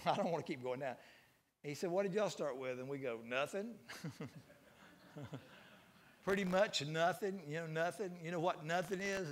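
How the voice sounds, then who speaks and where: A man's voice: on the high side, a little hiss or hum. Folksy man preaching a sermon. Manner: folksy storytelling with rising preacher intensity. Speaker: pastor.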